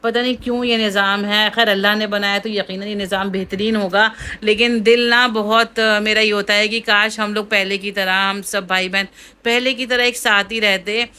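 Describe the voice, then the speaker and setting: A young woman hosting a cooking vlog, talking casually and at length to her viewers. She keeps turning to them as friends in an easy, chatty flow. Her voice is bright and clear. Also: mid-range voice, steady tone, moderate pace. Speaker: cooking vlogger.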